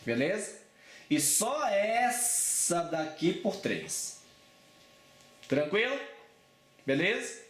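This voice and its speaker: A man's voice: high-pitched, big pitch swings, drawn-out words, pauses often, roomy sound. A man with a Brazilian Portuguese accent teaching a casual exam-prep math lesson, chatty and informal, often checking in with his students. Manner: chatty and informal, with frequent check-ins and slang.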